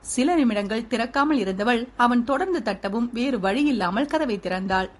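Female audiobook narrator, steady even reading, slightly high pitch. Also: moderate pace. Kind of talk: scripted narration of a novel.

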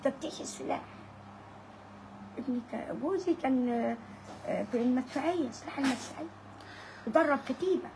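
A woman's voice: sits high, animated, fairly quick, long pauses, crowd noise, rough recording. A woman in her sixties with an Egyptian Arabic accent, an interviewed widow who pleads and repeats her words over and over. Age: 60s. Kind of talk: emotional street interview.

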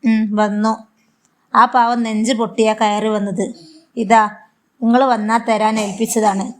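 A woman's voice: fairly high pitch, flat delivery, a little slow, close to an everyday voice. A woman voicing a kind but firm young daughter-in-law who speaks earnestly, with a Malabar Malayalam accent. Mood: reproachful. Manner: earnest, reproachful.

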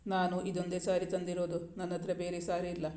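A sulky, shy young bride voiced by a man for a storybook reading. High, level delivery, roomy echo. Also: completely flat delivery, fairly quick, dark tone, lightly acted.

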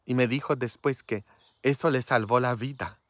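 A man's voice: mid-range voice, fairly even intonation, normal speed, no echo, studio quality. A man, a priest whose first language is Polish, preaching in a frank, tender way and often adding "mm?" to check in with listeners. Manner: frank and tender, with constant "mm?" tag questions. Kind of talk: informal preaching talk.

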